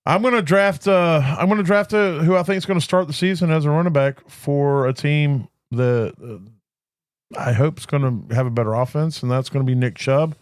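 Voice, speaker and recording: Male podcast host, slightly high, dry and close, loose and jokey. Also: clean tone, no room sound. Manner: jokey, reads off picks in quick lists. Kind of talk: casual fantasy draft chat.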